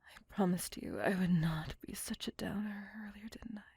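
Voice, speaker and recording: A possessive female vampire lover, voiced by a woman, whispers right up against the mic in an ASMR roleplay. Her whisper is husky and gravelly, dry and close, with nothing of the room around it. She speaks in a doting, apologetic way. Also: medium pitch, steady tone, mellow, no room sound. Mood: tender. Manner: intimate, apologetic, slow and doting.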